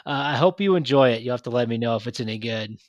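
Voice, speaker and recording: A man's voice: medium pitch, lively intonation, fast. A man co-hosting a podcast, rambling in casual chat with many restarts and fillers. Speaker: podcast co-host.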